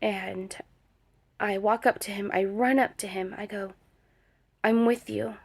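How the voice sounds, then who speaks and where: A woman's voice: medium pitch, fairly even intonation, a little slow, vocal fry. A woman telling a personal dream story in a rambling way, full of fillers and restarts, with talk of prayer. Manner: religious, speaks of prayer. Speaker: vlogger sharing a dream vision.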